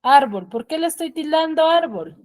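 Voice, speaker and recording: Over a video call, a patient woman schoolteacher explains her lesson step by step, repeatedly asking "¿ya?" to make sure her students follow. She has a high, expressive, slightly mellow voice and speaks at a normal speed.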